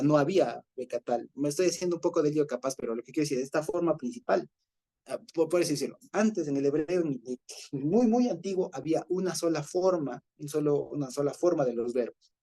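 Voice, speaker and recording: A man leading an informal Bible study, explaining patiently, checking in with his listeners and pausing on fillers as he searches for words. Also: fairly high pitch, expressive, warm tone. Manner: explanatory, often checks in with a questioning "ya?"; hesitant, with fillers and restarts.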